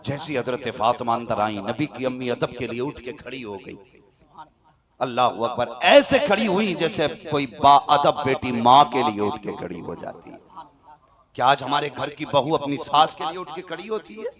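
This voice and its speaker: A man's voice: mid-range voice, animated, moderate pace. A man preaching a sermon, telling a story to a live gathering and rising into dramatic outbursts. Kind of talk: Urdu-Hindi religious sermon. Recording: crowd noise at a live gathering. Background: crowd of listeners.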